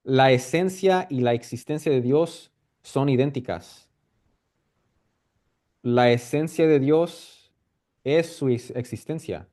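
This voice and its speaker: Halting Spanish-speaking man teaching Bible. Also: mid-range voice, darkish tone. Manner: explanatory, repeats himself with frequent "¿ok?" and "¿verdad?" checks; halting with restarts and fillers. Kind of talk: casual Bible lesson.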